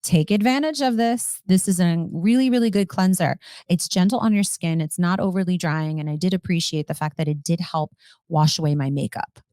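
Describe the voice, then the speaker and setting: A woman's voice: fairly low pitch, brisk, mellow, no echo, clean studio sound. A woman hosting a podcast in a casual, upbeat, chatty way, enthusing about products. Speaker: podcast host. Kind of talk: casual chat.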